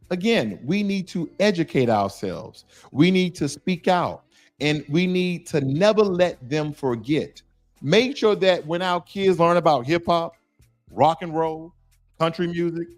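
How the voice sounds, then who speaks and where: Fervent, defiant American man rallying listeners, higher-pitched. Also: darkish tone. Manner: fervent, defiant rallying delivery with emphatic repetition. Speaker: livestream host. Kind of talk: impassioned speech to camera. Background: music.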